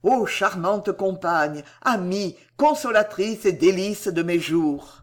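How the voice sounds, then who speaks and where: A man's voice: high-pitched, expressive, slow. A man reading an audiobook, voicing a remorseful young male lover who declaims in fervent exclamations. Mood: impassioned.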